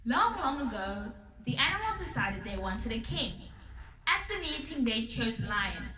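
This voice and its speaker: A woman reading a children's story aloud, unhurried, with small slips and restarts. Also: fairly high pitch, fairly bright tone. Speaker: storybook reader. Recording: roomy sound from a distant mic.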